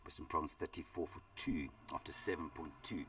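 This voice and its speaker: This is live cricket commentary from a chatty middle-aged South African man who rambles and uses many fillers. His very low voice is fairly quick, with a bright, forceful tone. The mic sits a little way from him.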